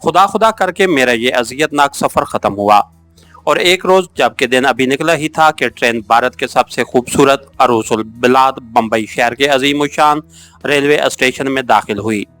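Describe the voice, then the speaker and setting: A man narrating a first-person adventure novel as an audiobook, in a steady, measured storytelling manner. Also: medium pitch, soft background music.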